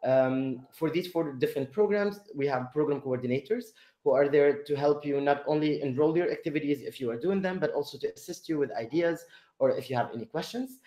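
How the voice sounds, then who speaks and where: A man hosting an online webinar, talking with many fillers and pauses. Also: a little high, warm tone. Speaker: webinar host. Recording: echoey room.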